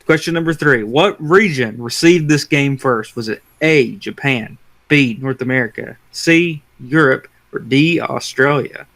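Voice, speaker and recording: Guy hosting a podcast trivia bit, middle pitch, dry close sound, spells out each answer slow. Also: fairly bright tone, no room sound, low-quality recording. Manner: reads quiz options out slowly and deliberately. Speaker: podcast co-host running a trivia quiz. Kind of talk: casual podcast chat.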